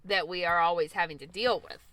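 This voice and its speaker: A woman co-hosting a podcast in casual chat, chatty and quick to jump in with laughs. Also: lowish voice, fairly even intonation, a bit bright, dry recording, low-quality recording. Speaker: podcast co-host.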